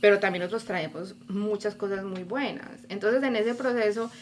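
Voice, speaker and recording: A Colombian woman with a Colombian Spanish accent guests on a podcast, animatedly telling her life story and acting out her own inner voice in casual interview conversation. Her medium-pitched voice keeps a fairly even intonation at a moderate pace, with slight background noise.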